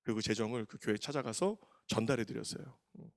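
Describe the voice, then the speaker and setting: Male pastor, 30s, fast, gravelly, animated storytelling sermon. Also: medium pitch, no echo, studio quality. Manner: animated, emotional storytelling with acted quotes.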